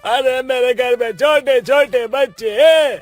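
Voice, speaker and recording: A man's voice: very high voice, animated, a little slow, faint music behind, exaggerated voice. A man voicing a blustering village goon in a cartoon who threatens people, then whines when he gets beaten. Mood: whining. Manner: threatening, then whining and yelping. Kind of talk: cartoon voice acting.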